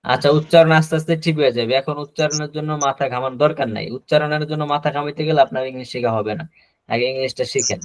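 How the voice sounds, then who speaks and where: A man teaching a spoken-English class over a video call, repeating each example slowly and drilling pronunciation. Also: mid-range voice, dry recording.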